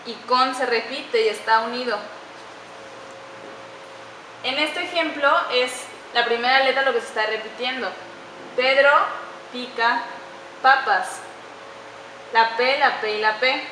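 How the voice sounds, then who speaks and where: A woman explains grammar mistakes in a measured, classroom-presentation style, slowing down to spell out each example sentence. Her voice is bright and somewhat high. The room around her is echoey, with a faint background hum. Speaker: student presenter.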